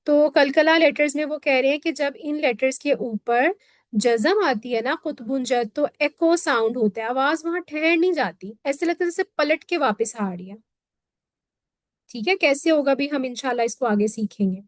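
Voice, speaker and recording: A woman's voice: high-pitched, normal speed, no echo, studio quality. A woman from Pakistan, teaching a Quran recitation lesson to a class and patiently repeating points while checking that everyone follows.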